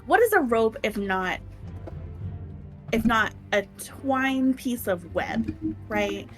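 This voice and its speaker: A woman with a fairly high voice plays in a tabletop game, making a playful case to the game master. Faint music runs underneath. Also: expressive, slow. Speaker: player. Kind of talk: casual game chat.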